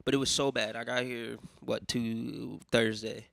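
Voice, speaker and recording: A young American man hosting a podcast, telling rambling profane stories in a casual solo monologue, sick with a cough, with loud mock outbursts. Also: medium pitch, flat delivery, a little slow, gravelly, dry recording, studio quality. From United States. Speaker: podcast host.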